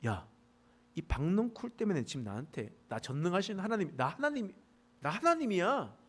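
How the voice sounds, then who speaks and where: A man's voice: high-pitched, sing-song, moderate pace, slightly rough, exaggerated voice. A man putting on the voice of God, bluntly scolding a sulking prophet in casual, rebuking speech.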